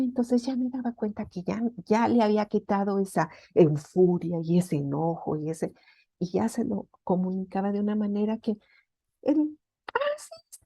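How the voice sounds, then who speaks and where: A woman's voice: mid-range voice, vocal fry, mellow, husky, no room sound. A woman telling a church group about her own life in a chatty way, with lots of fillers and acted-out bits of dialogue. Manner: conversational, with many fillers and laughs, acting out dialogue. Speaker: speaker at a church meeting. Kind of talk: personal testimony talk.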